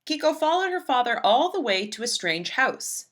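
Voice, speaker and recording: A woman with a slightly high voice reads a children's picture book aloud at normal speed, bringing an expressive storytelling flair.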